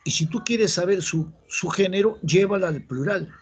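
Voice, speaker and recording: A man with a Peruvian Spanish accent and a high-pitched, husky voice teaches a grammar lesson for an entrance exam at normal speed. He explains patiently, repeats the key rules, and quizzes the class with questions.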